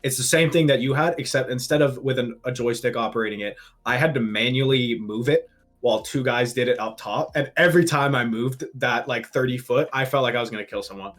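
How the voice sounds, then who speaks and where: Fast-talking young man telling a story. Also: mid-range voice. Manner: animated storyteller, swears freely. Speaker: podcast co-host. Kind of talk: casual podcast chat.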